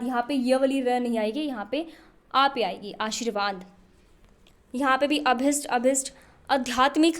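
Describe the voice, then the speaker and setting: A young woman teaching a Hindi spelling lesson for exam preparation, asking questions and answering them herself. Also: sits high. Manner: repetitive questioning, answers her own questions.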